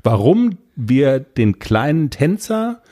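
A man's voice: mid-range voice, sing-song, slow, mellow. A man co-hosting a podcast, chatting casually and rambling through free associations. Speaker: podcast co-host. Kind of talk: casual chat.

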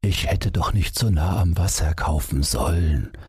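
A man voicing a worried, kindly middle-aged father in a storybook reading, speaking in a gentle, musing way. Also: deep voice, a little slow, slightly rough, no echo, studio quality, exaggerated voice.

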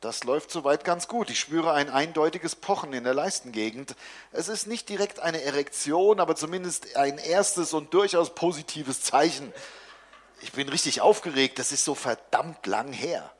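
Brief: a man with a fairly high voice, deadpan comic story reader. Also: normal speed. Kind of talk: comic first-person story reading.

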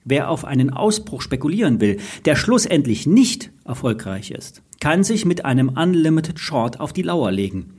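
A man's voice: on the high side, big pitch swings, normal speed, hardly any pauses, darkish tone, slightly rough. A man presenting scripted market commentary as host of a financial podcast.

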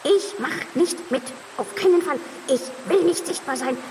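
A woman's voice: high-pitched, moderate pace, close to an everyday voice. A woman voicing a stubborn, shy little male ghost in a children's audio story, whiny and defiant, sounding far away. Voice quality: faint, distant, whiny. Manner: sulky, defiant. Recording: distant voice in a long reverb, audible noise.

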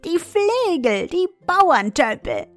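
A woman voicing a small, gleeful male fire goblin with a rasping, squawking voice in a spoken fairy tale. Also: very high voice, very animated, slow pace, faint music behind, voice pushed up, heavily acted. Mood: shrieking, scornful.

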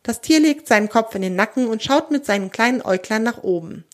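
A woman hosting a children's podcast, narrating a forest story clearly and gently, with casual asides to the listener. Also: a little high, lively intonation, a little fast.

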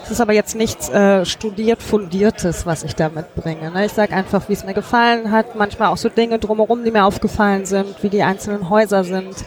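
A woman at a busy congress chats about her podcasts in a loose, casual way. She thinks aloud, with lots of fillers and restarts. Her pitch sits in an ordinary middle range. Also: steady tone, a little fast, hardly any pauses. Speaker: podcaster, guest. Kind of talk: casual conversational interview. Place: busy hacker congress hall.

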